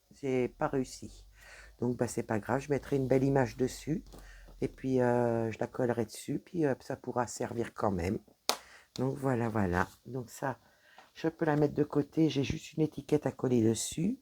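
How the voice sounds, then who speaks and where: A woman with a French accent has a rumbling low, warm voice. In a casual show-and-tell vlog at her home desk, she rambles and stumbles over her words while presenting her cross-stitch progress.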